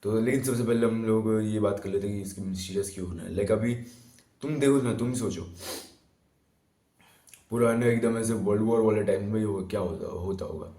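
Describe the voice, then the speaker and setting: Young man, low voice, mellow tone, rambling casual advice vlog, roomy echo. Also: fairly quick. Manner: rambling, mixes English words into Hindi, talks straight to the viewer. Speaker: self-improvement vlogger.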